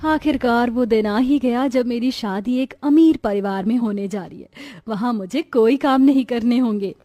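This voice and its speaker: A woman's voice: fairly high pitch, normal speed, warm tone, close to an everyday voice. Shweta, a woman voicing a stubborn young bride. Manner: stubborn, petulant. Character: spoiled young bride, stubborn, refuses to cook. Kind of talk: Hindi cartoon voice acting.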